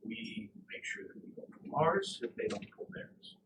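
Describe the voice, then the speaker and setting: A man playing a tabletop game, talking in an animated, excitable way. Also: moderate pace. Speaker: player. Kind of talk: casual tabletop game chat. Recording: roomy, distant, noisy table mic.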